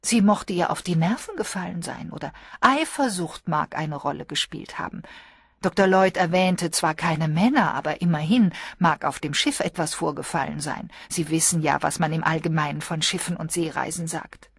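A woman's voice: low-pitched, moderate pace, creaky, breathy edge, no room sound, exaggerated voice. A woman voicing a pretty, scatterbrained young woman who whines and hesitates, in an audiobook. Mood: pleading. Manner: whiny, hesitant.

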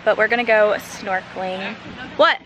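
A woman's voice: mid-range voice, moderate pace, lo-fi sound, crowd noise, noisy background. A woman in her twenties chatting casually to a handheld camera while vlogging her trip, with lots of fillers. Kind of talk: casual travel vlog. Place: cruise ship cabin and outdoors. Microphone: handheld camera at arm's length.

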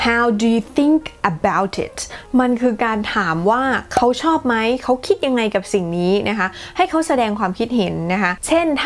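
A woman hosting a casual English lesson, chatting in a lively way and mixing English phrases into her explanations. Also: fairly high pitch. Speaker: English teacher and channel host.

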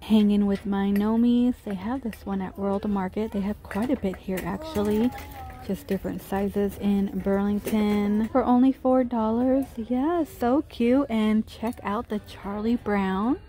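Her voice is mid-range, unhurried, and warm. She's a shopping vlogger recording a shop-with-me walkthrough in a large indoor retail store on a handheld phone camera, chatting and gushing over cute finds.

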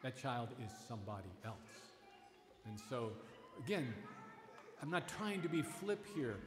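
A middle-aged priest preaches a Sunday homily from a church lectern, earnest and emphatic, often starting his phrases over. His medium-pitched voice is sing-song and a bit slow, with music playing behind him. The church is echoey, with a long reverb.

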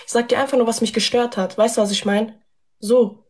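Fast-talking husky woman, indignant. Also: a little high, fairly even intonation, a little mellow. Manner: indignant, quick, talks over others. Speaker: streamer in a live dispute. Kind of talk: heated argument.

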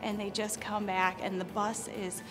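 A woman's voice: mid-range voice, level tone, unhurried. A woman teacher interviewed in a classroom, talking with enthusiasm about her students' field trips. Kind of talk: video interview.

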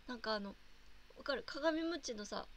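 A woman's voice: fairly high pitch, animated, a little slow, a little hiss or hum. A young woman from Japan chatting casually on a livestream, reading viewer comments and giggling often.

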